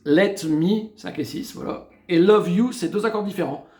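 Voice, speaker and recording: A man teaching guitar, explaining chords step by step and counting beats as he plays. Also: high voice. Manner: slow step-by-step explaining, counting beats and singing snatches while playing. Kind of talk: guitar tutorial. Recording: echoey room with loud guitar.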